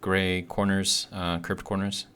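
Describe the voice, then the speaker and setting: A man's voice: low-pitched, completely flat delivery, slow pace, fairly bright tone, clear, resonant tone. A man giving casual gameplay commentary as a video host, thinking aloud hesitantly, with slightly awkward articulation. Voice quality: slightly awkward speech from a healing bitten tongue. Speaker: host of a gaming video series.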